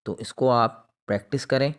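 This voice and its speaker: A man's voice: medium pitch, normal speed, clear, resonant tone. A man teaching English pronunciation in a video lesson, saying each example word twice and then giving its meaning.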